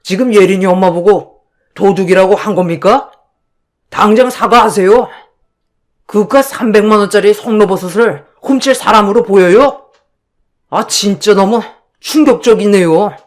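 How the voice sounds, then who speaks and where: A woman's voice: medium pitch, measured pace, darkish tone, lightly acted. A woman voicing an indignant young husband who speaks sternly and reproachfully.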